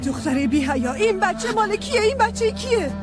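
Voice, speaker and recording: A woman's voice: very high voice, sing-song, over loud music. An actress dubbing a furious mother who scolds and curses her daughter in a TV drama. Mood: accusing. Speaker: angry mother. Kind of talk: dubbed TV drama.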